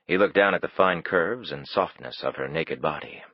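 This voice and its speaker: A man reading an audiobook in measured, even scripted narration. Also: a bass voice, no room sound. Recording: dull, dry, lo-fi.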